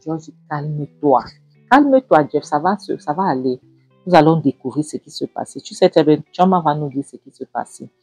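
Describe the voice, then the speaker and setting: Woman doing a calm steady guy settling his friend down, low voice. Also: moderate pace, slightly rough, no room sound, soft background music, heavily acted. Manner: calming, resolute. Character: calm level-headed man, steadying friend.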